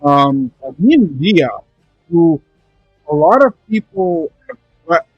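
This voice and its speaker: A man hosting a casual postgame football chat, his voice muffled and bass-heavy from a covered microphone, rambling and restarting phrases. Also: big pitch swings, takes it slowly, breathy edge, no echo, faint music behind. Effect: muffled, bass-heavy sound from a covered mic. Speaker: co-host of a football postgame stream.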